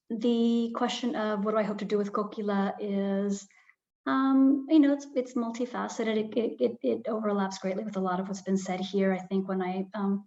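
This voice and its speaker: A woman's voice: mid-range voice, a little mellow. A woman publisher speaking on a panel, thoughtful, with frequent ums and restarts. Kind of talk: panel talk. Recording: slightly dull lo-fi sound.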